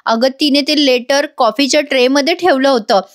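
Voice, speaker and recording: Woman doing an anxious young girl, confessing, worried, high voice. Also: moderate pace, close to an everyday voice.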